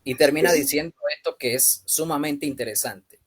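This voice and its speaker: A man in his thirties from Venezuela with a Venezuelan Spanish accent, leading a youth-ministry class over a video call and speaking at a measured pace with frequent hesitant fillers. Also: on the high side, breathy edge. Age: 30s. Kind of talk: online class presentation.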